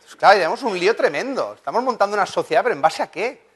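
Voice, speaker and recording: A man giving a motivational conference talk, animated and anecdotal, joking with the audience. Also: high voice, very fast, husky. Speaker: conference speaker, journalist and writer. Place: conference hall.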